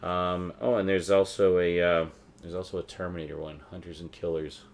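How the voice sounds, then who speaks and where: A male vlogger and collector shows off his DVD purchases in casual, unscripted show-and-tell, rambling with a fan's enthusiasm. His low voice has little pitch movement at a moderate pace, with slight background noise.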